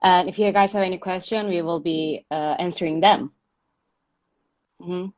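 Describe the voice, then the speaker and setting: Hosting a livestream, this young woman from Turkey has a lowish, darkish voice and speaks at a moderate pace. Her interview with a video-call guest is loose and chatty, full of "like" and "uh," captured in dull lo-fi audio.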